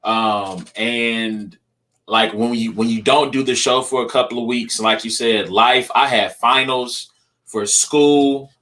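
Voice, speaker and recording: A man's voice: medium pitch, fairly even intonation, slow pace, pushed and bright. A young man hosting a podcast, talking loosely and rambling with lots of ums. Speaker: podcast host. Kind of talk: casual podcast chat.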